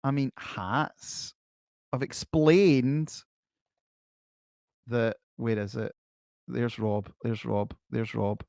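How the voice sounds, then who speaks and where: A man's voice: medium pitch, steady tone, drawn-out words, vocal fry, long pauses, darkish tone, dry recording, studio quality. A man in his forties hosting a livestream with casual, opinionated chat that often repeats phrases. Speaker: livestream host.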